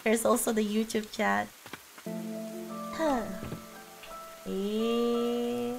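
A woman live streamer chatting casually over a game, giggly and excitable, swearing freely, with a voice hoarse from being sick. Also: a little high, very slow, poor audio. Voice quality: hoarse, husky from illness. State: sick, coughing. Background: game music.

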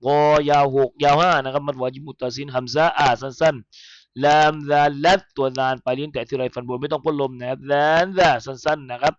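A man teaching Quran recitation. He spells verses letter by letter in a chanted tone, then explains how each sound is made, slowly and politely. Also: medium pitch, steady tone, dry recording, muffled recording.

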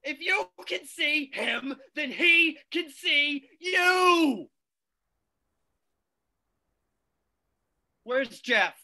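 A woman's voice: sits high, expressive, very slow, exaggerated voice. A woman reading the part of a frantic, panicked twenty-one-year-old man in a play reading. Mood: tense. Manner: frantic shouting, pleading.

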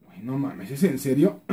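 A young man with a Mexican accent talks through his gameplay in an excitable, lively voice that leaps up and drops low. He swears freely and keeps muttering the same words under his breath. His tone is mellow and dark. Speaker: gaming YouTuber. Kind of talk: live gameplay commentary.

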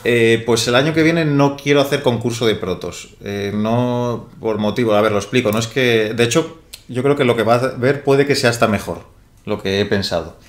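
A man's voice: medium pitch, moderate pace, roomy sound. A young man hosting a board game live stream, chatting loosely with many restarts and self-corrections, speaking into a desk microphone on a small studio set. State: sweating heavily. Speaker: host of board game channel. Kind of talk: casual live-stream chat.

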